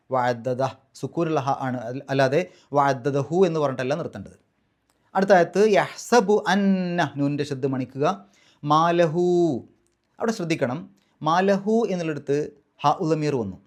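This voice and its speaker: A man teaching Quran recitation rules in a patient, step-by-step way, slowly drawing out the recited words as examples. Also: fairly high pitch.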